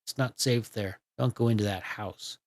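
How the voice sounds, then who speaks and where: A man's voice: lowish voice, steady tone, normal speed, close to an everyday voice. A man doing a polite, anxious husband. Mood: earnest pleading. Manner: polite, apologetic, earnest. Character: anxious, polite husband worried for his wife.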